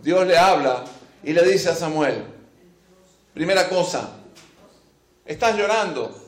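A man's voice: a little high, unhurried. A man preaching a sermon, reading scripture and then speaking straight to his listeners, stressing and repeating his key phrases. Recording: echoey room.

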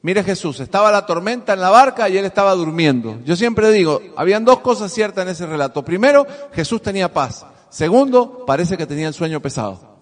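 A male pastor preaching a sermon to his congregation, swinging from soft asides to loud emphasis and calling for responses. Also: sits high, animated, fairly quick. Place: church hall with congregation. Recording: long hall reverb.

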